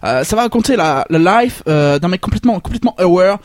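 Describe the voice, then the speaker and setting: Guy putting on a belgian accent, smug manga author, high voice, franglais, stutters a lot. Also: expressive, quick pace, no echo, studio quality. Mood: hyping. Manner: heavy franglais, stammers and repeats words. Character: boastful male manga author, greedy and crude. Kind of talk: comic parody interview.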